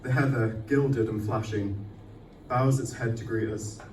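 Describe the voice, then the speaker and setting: A male poet performs his own work at a live arts night in an echoey indoor venue, his mid-range, darkish voice fairly even in intonation and a little slow. He comes across as self-deprecating and sweary, picked up from some distance, with faint noise in the recording.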